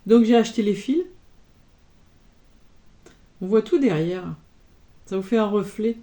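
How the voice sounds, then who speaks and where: A woman's voice: mid-range voice, unhurried, dark tone. A woman chatting casually as an embroidery vlogger, showing her projects and peppering her talk with little interjections. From France. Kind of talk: casual show-and-tell chat.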